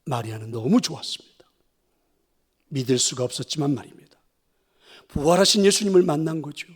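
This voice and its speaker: A male pastor retelling a scripture story in a sermon, dramatic and often dropping to a hush. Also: fairly high pitch, lively intonation, fairly quick, husky. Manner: dramatic, dropping to hushed whispers.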